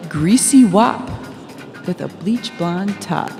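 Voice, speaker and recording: Reading the girlfriend's part in a novel, a woman plays Freya, a blunt, teasing and observant passenger-seat girlfriend, casual and matter-of-fact. Her lowish voice moves slowly with lively intonation. The dialogue sits over background music with long reverberation.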